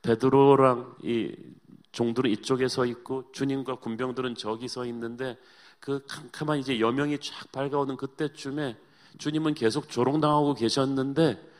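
A male pastor preaching a sermon with dramatic storytelling, swinging between hushed and emphatic delivery. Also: medium pitch, steady tone, moderate pace.

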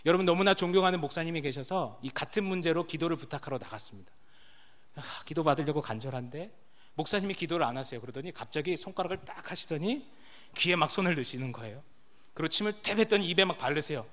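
A man in his thirties, a pastor preaching a sermon as a story, his voice falling low and quiet at the ends of sentences. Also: lively intonation, fast talker.

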